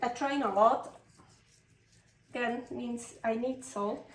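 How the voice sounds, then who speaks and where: A Swiss woman with a Californian English accent tinged by her Swiss roots hosts a cooking vlog, her voice a little high and her pace slow. She chats casually without a script in her home kitchen, rambling, poking fun at herself, and exclaiming whenever something goes wrong. The mic sits at a distance in a roomy space, with faint noise.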